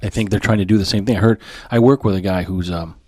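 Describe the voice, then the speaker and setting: Fast-talking, profane man co-hosting. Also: fairly low pitch, steady tone, darkish tone, no room sound, studio quality. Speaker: podcast co-host. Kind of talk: casual chat.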